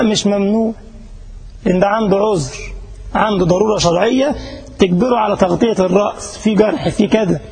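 Egyptian guy teaching a religious lesson, high voice, talks fast, keeps asking "got it?". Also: darkish tone, breathy edge, poor audio. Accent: Egyptian Arabic. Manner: chatty and joking, addresses listeners directly, asks checking questions. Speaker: sheikh teaching a religious class. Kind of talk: informal religious lesson to a live audience. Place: class in front of an audience in Germany.

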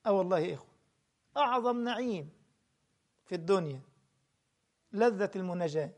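A man's voice: high-pitched, vocal fry. A man with an Egyptian Arabic accent giving a religious lesson and answering questions from a live stream. He speaks earnestly, addresses his listeners directly and repeats his points. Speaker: religious teacher.

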